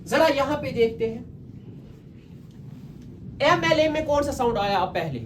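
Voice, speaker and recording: A man's voice: very high voice, animated, measured pace, a little hiss or hum. A man teaching English grammar to a class, repeating points and quizzing his students. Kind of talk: classroom lecture.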